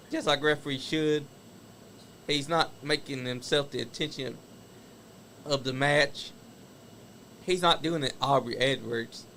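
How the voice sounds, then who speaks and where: The host, a man whose voice is a little high, bright and forceful, chats through old wrestling match footage on a casual talk show. He's opinionated and laughs at stories, with slight background noise in the recording.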